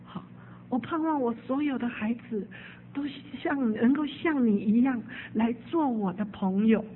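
A woman voicing Jesus speaking softly and with longing, over a tinny phone-like recording. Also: on the high side, a little slow, a little hiss or hum, close to an everyday voice.

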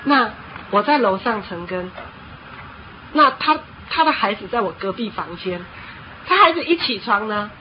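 A woman preacher giving a sermon, telling stories in an animated way and often pausing on a filler word. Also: medium pitch. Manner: animated storytelling with frequent filler "hao". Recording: dull lo-fi with faint noise.

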